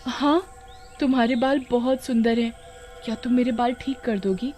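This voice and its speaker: A woman's voice: a little high, steady tone, normal speed, a little mellow, soft background music, pitched above the performer's own voice, close to an everyday voice. A woman doing a tearful village girl. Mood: amazed. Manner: stammering, pleading.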